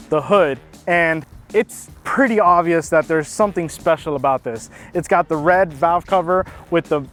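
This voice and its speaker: A man hosting a casual car review outdoors, talking enthusiastically with many fillers and restarts. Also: high voice.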